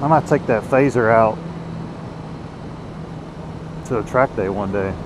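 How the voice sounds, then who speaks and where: A man's voice: fairly low pitch, a little slow. Man motovlogging from inside his helmet. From United States. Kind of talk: casual rambling vlog while riding. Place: outdoors, riding a motorcycle on the road. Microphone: inside a motorcycle helmet. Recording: noisy helmet mic with vehicle noise. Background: engine and road noise.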